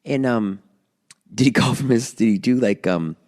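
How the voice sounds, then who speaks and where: A man's voice: mid-range voice, normal speed, a little mellow. A man co-hosting a podcast, exasperated and swearing freely as he argues and teases. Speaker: podcast co-host. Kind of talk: casual podcast banter.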